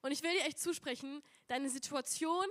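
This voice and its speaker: A woman's voice: high voice, moderate pace, a bit bright. A woman preaching a sermon earnestly, posing questions to the listener and reading a psalm aloud.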